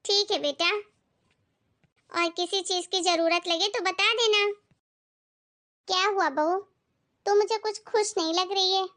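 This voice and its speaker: A woman voicing a patient, doting older mother-in-law in an animated family skit, speaking in a soothing way. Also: extremely high pitch, unhurried, pauses often. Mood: kindly. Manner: soothing, calming her angry daughter.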